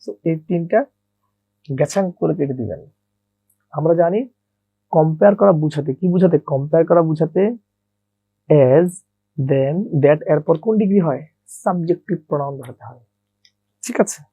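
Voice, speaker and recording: A man teaches an English grammar lesson, repeating his own questions, answering them himself, and calling listeners brother. His voice is on the high side, dark and slightly rough, at normal speed with frequent pauses. There is no room sound.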